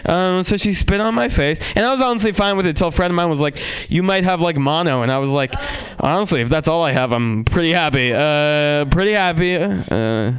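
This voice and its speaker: Rambling, profane stand-up comic. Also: male voice, expressive, brisk, few pauses, clear, resonant tone. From San Francisco, USA. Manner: rambling, profane, swings between loud outbursts and low mutters. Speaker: stand-up comedian. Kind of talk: stand-up comedy set.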